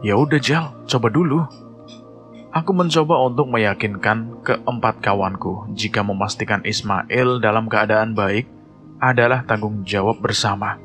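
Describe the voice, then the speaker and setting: A man telling a horror story in measured, suspenseful scripted narration, with music playing behind. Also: fairly low pitch.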